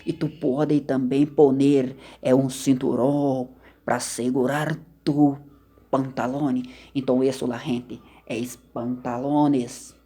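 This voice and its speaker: A man from Argentina, teaching vocabulary in a slow, repetitive way and mixing in words. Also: medium pitch, little pitch movement, dark tone, slightly rough. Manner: slow, repetitive, mixes Spanish into Portuguese. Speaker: language teacher. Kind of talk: casual vocabulary lesson to camera.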